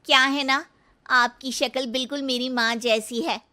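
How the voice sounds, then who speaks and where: An exclaiming young city woman from a cartoon tale, acted by a female narrator. She is chatty and effusive, with a high, bright voice that carries forcefully. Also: fairly even intonation, a little slow. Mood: impressed, warm. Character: chatty young city women, the daughter-in-law's friends.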